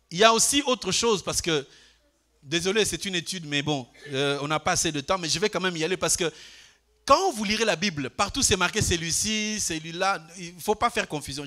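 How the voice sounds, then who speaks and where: Older male pastor, high bright voice, lively Bible study sermon to his church. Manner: animated, asks the congregation questions, swings from loud to quiet.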